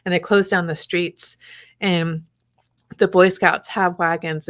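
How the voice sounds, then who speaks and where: On a live craft stream, the host works and chats, now and then whispering to the piece in front of her. Her voice sits on the low side with a slight brightness, but it's wearing out, and she clears her throat.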